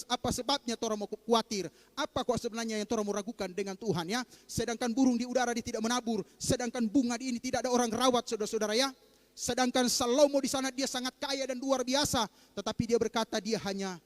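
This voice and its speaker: A man with a Manado Malay accent, a pastor preaching a sermon with rising emphasis, often calling out to the congregation. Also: sits high. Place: church hall. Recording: long echo of a church hall.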